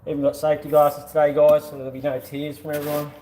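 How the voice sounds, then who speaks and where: A man's voice: on the high side, monotone, quick pace, dark tone. A man chatting casually to viewers in laid-back, jokey slang as he works on a car. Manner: laid-back, slangy, jokey, talks to himself while working. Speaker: amateur mechanic vlogger. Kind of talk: casual hands-on car vlog chat to viewers. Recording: echoey, noisy workspace with clanking.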